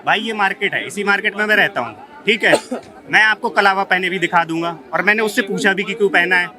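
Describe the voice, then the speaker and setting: A local shopkeeper pushes back with pointed questions in an argument on a market street. His voice is high for a man and very bright and sharp. He speaks in a challenging tone. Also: fairly quick. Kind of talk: heated street debate.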